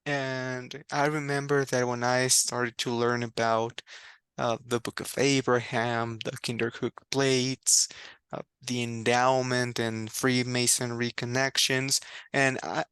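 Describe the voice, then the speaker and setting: Reflective and candid, a gravelly-voiced guest from Mexico, Spanish being his first language, tells his personal faith story in conversation, frequently laughing and restarting words. He speaks slowly at medium pitch with little pitch movement and a fairly bright tone, in a dry recording.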